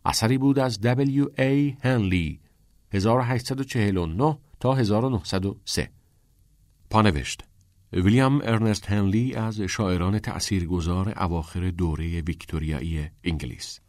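A man narrating an audiobook in a calm, even storytelling manner. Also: sits low, no echo, clean studio sound.

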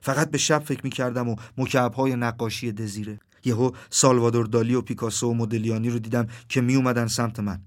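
A man narrates a dreamlike literary story in a measured, soft voice. His pitch sits in the ordinary middle range for a man. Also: fairly even intonation.

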